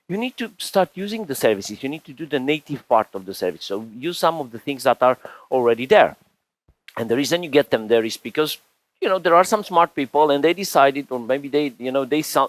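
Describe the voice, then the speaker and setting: A man's voice: medium pitch, no echo, rough recording. A man in his forties from Romania, giving a chatty conference tech talk on stage with lots of fillers and restarts. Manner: chatty, rambling, frequent restarts and "you know" fillers. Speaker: conference speaker.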